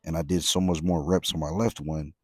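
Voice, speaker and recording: A man's voice: a bass voice, steady tone, fairly quick, husky, no echo, studio quality. A man giving casual workout commentary as a voice-over, in a laid-back, slangy gym-bro manner. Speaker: fitness vlogger.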